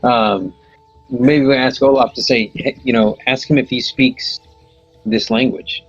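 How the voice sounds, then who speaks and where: A man's voice: medium pitch, sing-song, a little slow, creaky, breathy edge. A man chatting casually as a player in a tabletop game. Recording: dull lo-fi audio, music behind.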